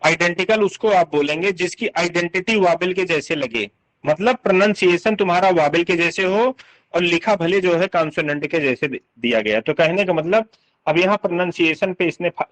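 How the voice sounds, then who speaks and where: A man teaching English literature terms in casual speech, explaining slowly, repeating sounds and often checking that students follow. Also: high-pitched, rough recording.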